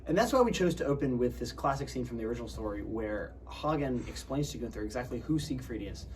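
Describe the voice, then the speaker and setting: A man's voice: medium pitch, expressive, quick pace, soft background music. A man presenting a film adaptation in an informal, conversational explanatory commentary, often checking for agreement. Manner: conversational, seeks agreement with tag questions. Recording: distant mic, faint background noise.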